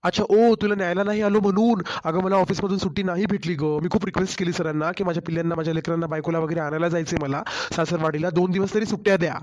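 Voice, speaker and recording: A caring young husband, voiced by a man for a cartoon story, speaking in a Marathwada Marathi accent. His voice is high for a man and rapid. He coaxes and worries. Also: fairly even intonation, darkish tone, highs cut off, natural voice. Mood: concerned. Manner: coaxing, concerned. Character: caring office-going young husband, gentle.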